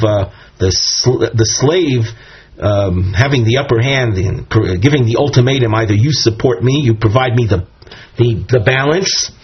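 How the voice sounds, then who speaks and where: A man's voice: mid-range voice, husky. A man teaching a Talmud lesson, explaining step by step and quoting Aramaic and Hebrew phrases. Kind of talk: text study lesson. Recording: dull lo-fi audio recording.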